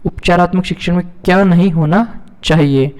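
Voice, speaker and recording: A man teaching exam preparation goes question by question through multiple-choice items, repeating each before answering and explaining it himself. His voice sits high with a darkish tone, at a moderate pace. The recording has hall reverb.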